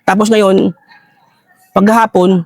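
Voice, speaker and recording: Filipino ex-soldier interviewee, high-pitched, halting and deferential, in a dry, close-miked room. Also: male voice, flat delivery, darkish tone, no room sound. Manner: halting, addresses listener as sir constantly. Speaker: retired army ranger scout. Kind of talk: recounting a war story in an interview.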